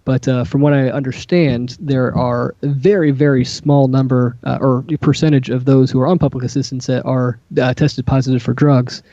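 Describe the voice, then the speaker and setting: A man co-hosting a casual panel discussion, talking haltingly with many fillers and restarts. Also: mid-range voice, little pitch movement, dark tone, no room sound. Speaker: co-host. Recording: dull lo-fi sound.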